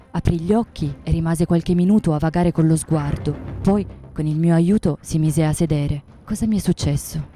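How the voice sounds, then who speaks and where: An actress playing a shaken lady-in-waiting giving measured, grave testimony in a historical radio drama. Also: low voice, mellow, close to an everyday voice.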